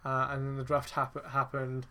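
A man hosting a casual wrestling review podcast, rambling with lots of fillers, swearing heavily and getting excitable and emphatic. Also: medium pitch, normal speed. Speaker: podcast host.

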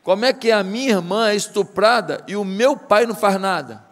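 A man's voice: high-pitched, expressive, fairly quick, a bit bright, in a large hall. A man with a Brazilian Portuguese accent preaching a sermon, retelling a story dramatically and firing rhetorical questions at the congregation. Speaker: pastor.

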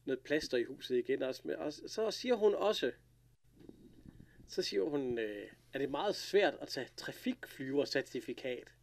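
A man casually recapping an episode, retelling scenes with lively quoted lines and laughter. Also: mid-range voice, gravelly. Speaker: podcast co-host recapping an episode. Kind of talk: casual chat.

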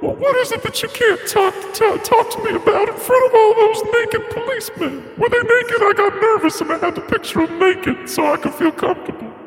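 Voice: a little fast, few pauses, faint music behind. Chipmunky formant-shifted gross old Mama. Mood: wheedling. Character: shameless, gross, scheming old mother. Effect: formant shifted, pitched-up chipmunk voice. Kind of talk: improvised comedy sketch.

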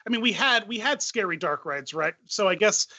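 A man with a high voice co-hosting a podcast in casual chat. His tone is bright and sharp. He jokes dryly and keeps up a running sarcastic patter. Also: lively intonation, a little fast. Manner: joking, sarcastic, does mock voices. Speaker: podcast co-host.

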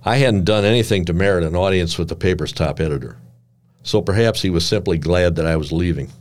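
An older man reading his own memoir aloud with measured, dry and wry storytelling. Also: low-pitched, darkish tone.

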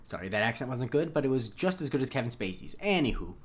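A man's voice: mid-range voice, sing-song, quick pace. A man co-hosting a podcast, recapping an episode in rambling casual chat. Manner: rambling, many fillers and restarts. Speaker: podcast co-host.

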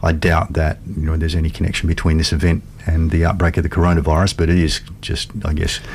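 Male co-host: deep, flat intonation, measured conversational explaining, faint rumble behind. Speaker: radio show co-host. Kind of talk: conversational current-affairs discussion.

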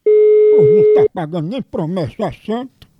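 A man's voice: very high voice, huge pitch swings, measured pace, very noisy. A man, a radio host making a comic prank phone call in a teasing, mock-innocent way.

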